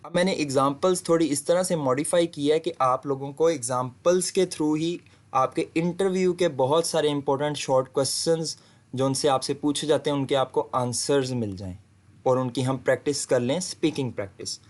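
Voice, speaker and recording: A man giving a recorded lesson, reading example sentences slowly and clearly. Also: a little high. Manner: slow, deliberate reading of English example sentences. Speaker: English teacher. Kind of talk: video lecture.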